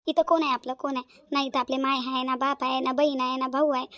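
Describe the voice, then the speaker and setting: A woman's voice: sits high, little pitch movement, quick pace, fairly bright tone, no room sound. A woman voicing an affectionate elder sister-in-law in a cartoon, with a fond, coaxing manner. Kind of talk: cartoon voice acting.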